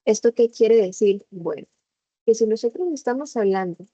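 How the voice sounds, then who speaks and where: A woman teaching a lesson over a video call, explaining slowly and putting questions to the class. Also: a little high, warm tone, no echo. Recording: slightly dull video call audio.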